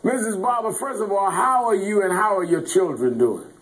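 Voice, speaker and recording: A man anchoring a news program, introducing a story and interviewing guests in a measured, earnest way. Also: sits high, animated, rough recording. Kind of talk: broadcast news presenting.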